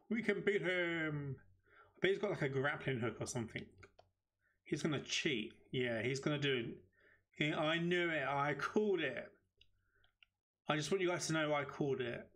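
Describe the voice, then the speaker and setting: Excitable British man streaming a game. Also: on the high side, unhurried, long pauses. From United Kingdom. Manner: chatty, excitable reactions to the game. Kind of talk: live gameplay commentary.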